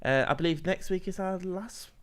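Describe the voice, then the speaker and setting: Chatty podcast host, smooth voice. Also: male voice, sits high, moderate pace. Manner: chatty, wraps up and plugs episodes. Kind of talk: casual chat.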